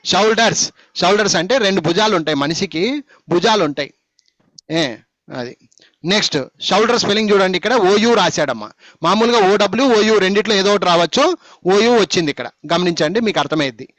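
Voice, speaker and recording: This spoken English teacher, who has a Telugu accent, fires off phonics questions and needles his students with teasing rebukes. His voice is somewhat high and a bit bright for a man, animated and fairly quick, captured close and dry with no room sound.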